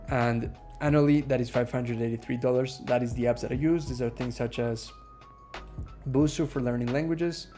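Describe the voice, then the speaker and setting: A man's voice: medium pitch, steady tone, normal speed, dark tone, faint music behind. Chatty man hosting a live Q&A. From Ecuador. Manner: chatty, reads out viewer questions, many fillers. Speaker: live stream host. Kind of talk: casual live Q&A.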